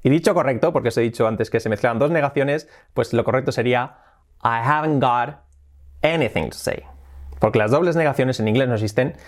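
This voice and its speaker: A man gives an online English lesson in a lively, emphatic way. He repeats his words and example sentences over and over to drive each point home. His voice sits at an everyday middle pitch. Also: a little fast. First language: Spanish. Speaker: English teacher.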